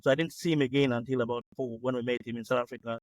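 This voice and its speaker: A man in his late forties, originally from Uganda, speaks quickly as an interview guest. He stumbles through fillers and restarts his sentences often. The sound is dry and close, with no room behind him. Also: medium pitch, steady tone, dry recording, rough recording. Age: late 40s. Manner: hesitant, many fillers and restarts. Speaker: guest entrepreneur. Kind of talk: conversational interview.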